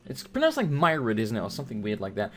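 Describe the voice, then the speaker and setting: Swearing freely and joking as he goes, a British gaming host tells rambling stories over his gameplay in an animated let's play commentary. He has a medium-pitched voice and talks fast.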